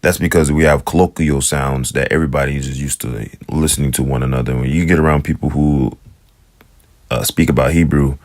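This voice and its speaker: A man giving a relaxed, rambling lesson on Hebrew letters, slowing down to sound out letters and repeat them. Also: a bass voice, no room sound. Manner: relaxed, rambling explanations with slow drawn-out sound demonstrations. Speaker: Hebrew teacher. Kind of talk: casual spoken lesson.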